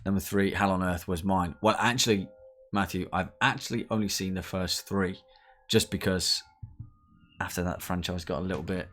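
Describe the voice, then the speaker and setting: A man's voice: deep voice, steady tone, normal speed, a bit bright, faint music behind. A man co-hosting a live stream, answering viewer questions in a rambling casual chat. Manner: rambling, full of restarts and fillers.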